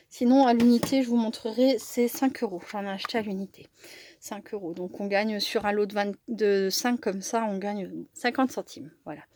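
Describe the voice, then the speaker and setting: Woman, casual craft haul chat, slow pace, slightly high voice, hesitant with fillers. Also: dark tone, no room sound. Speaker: crafting vlogger.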